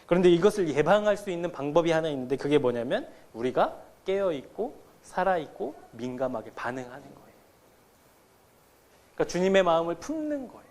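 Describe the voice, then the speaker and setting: A man's voice: a little high, very animated, brisk, darkish tone. A man in his thirties, a pastor preaching a sermon in a conversational, storytelling way to his congregation. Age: 30s. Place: church sanctuary.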